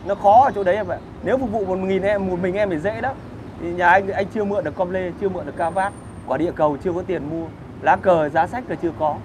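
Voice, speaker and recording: A man rants in a high, pushed voice, crude and combative. He hosts a casual livestream from outdoors. Traffic and street noise sit loudly behind him. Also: fast talker. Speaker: livestream host answering viewer comments.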